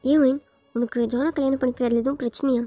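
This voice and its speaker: A caring older sister talks things through gently, as a woman reader voices her. Her voice is high and mellow. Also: fairly even intonation, fast talker, no room sound, faint music behind. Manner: gentle and persuasive. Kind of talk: storybook fan fiction reading.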